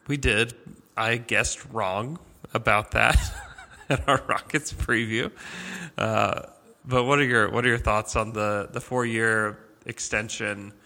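Casual guy hosting from a big echoey boardroom, kinda gravelly, lots of restarts and laughs. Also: fairly low pitch, fairly even intonation, bright, forceful tone. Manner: chatty, laughs often, halting restarts. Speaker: podcast host. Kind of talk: casual sports chat. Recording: echo-chamber sound of a big hollow room.

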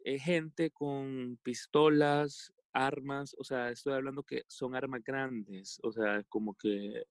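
A man from El Salvador with a Salvadoran accent, telling a personal story as a podcast guest in a halting way, with many fillers and restarts. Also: mid-range voice, fairly even intonation, no room sound, clean studio sound. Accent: Salvadoran Spanish.

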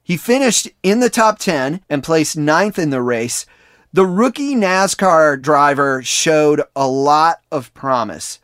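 A man with a somewhat high voice narrates a sports history podcast from a prepared script. He speaks in a measured way. The recording is dry and close. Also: animated, a bit bright, dry recording. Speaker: podcast host.

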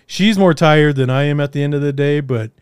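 A man's voice: a little high, brisk, smooth, dry recording. Hesitant man hosting, dry close sound. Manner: hesitant, hedging with "I mean". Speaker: podcast host interviewer. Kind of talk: casual interview chat.

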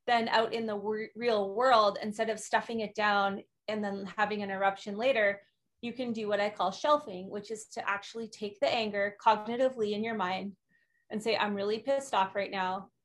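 A woman's voice: medium pitch, fairly even intonation, normal speed, a bit bright. A woman guest on a podcast interview, explaining emotional tools in an earnest, conversational way, full of "like" and "um". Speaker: guest, emotional wellness coach.

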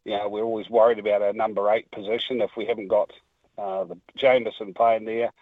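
A man with a New Zealand accent phones in to a talkback radio show and chats casually, rambling and restarting his thoughts. His voice is on the low side, level and fairly quick, heard dry and tinny over the phone line.

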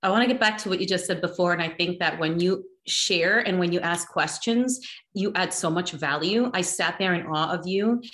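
A woman's voice: on the low side, normal speed, a bit bright. Earnest woman in an echoey room. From Dominican Republic. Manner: earnest, laughs often, restarts. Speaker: guest. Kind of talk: personal conversation.

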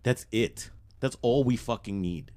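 A man's voice: medium pitch, measured pace, dark tone, dry recording. A young man co-hosting a podcast, talking in a heartfelt, emphatic and profane way. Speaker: podcast co-host. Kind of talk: candid podcast chat.

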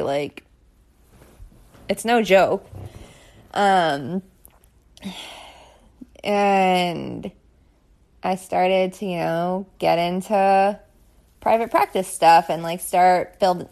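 Gravelly-voiced chatty young woman. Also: lowish voice, a little mellow. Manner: chatty, says "like" constantly, frustrated asides. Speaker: storyteller recounting her own experience. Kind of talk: casual personal story.

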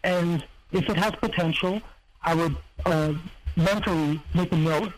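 A man from Serbia recounts his past in a halting, rambling way, often stopping to search for the right words. His voice sits a little higher than most men's, with a faint hiss of noise underneath. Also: low-quality recording. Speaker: guest, former heist crew member. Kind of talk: casual interview storytelling.

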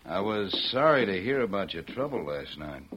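An actor playing a shifty, smooth-talking rancher villain who blusters and evades in an old western radio drama. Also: male voice, deep voice, sing-song, normal speed, fairly bright tone. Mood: oily politeness. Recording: muffled old radio recording, faint noise.

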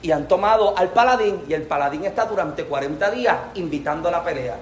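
A man preaching a sermon with a Puerto Rican accent, animated and acting out voices from the story. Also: high-pitched, fairly quick, slight background noise. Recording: echoey room from a distance.

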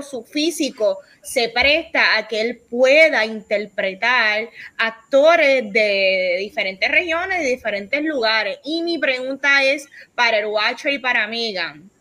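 A woman's voice: a little high, unhurried, few pauses, bright, forceful tone. A woman hosting a casual podcast chat, talking animatedly and mixing English words into her Spanish. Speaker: podcast host.

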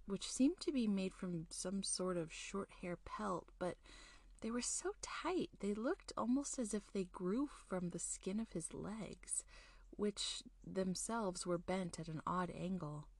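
A woman narrating a scripted spooky folktale as a storyteller, in a folksy, unhurried manner. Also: on the low side, no echo. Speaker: storyteller, show host.

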